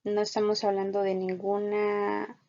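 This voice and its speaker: A woman teaching an online English lesson, explaining patiently and repeating example sentences slowly. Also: medium pitch, monotone, warm tone. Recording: dull lo-fi recording.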